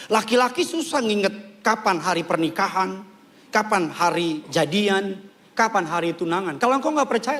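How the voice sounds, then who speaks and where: A male pastor preaching a sermon to a large church congregation, animated and joking, repeating key lines for emphasis. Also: sits high.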